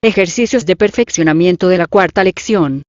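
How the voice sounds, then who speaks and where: A woman reading out the instructions and numbered items of a language exercise, in a measured, even dictation. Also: fairly low pitch, no echo. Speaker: lesson reader. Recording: dull dry lo-fi audio.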